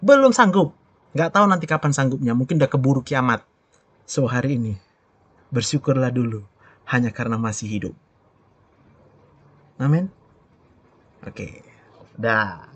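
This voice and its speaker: A man giving a preaching talk on a live stream, swinging from loud exclamations to soft, quiet asides. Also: medium pitch, normal speed, long pauses, husky, no echo.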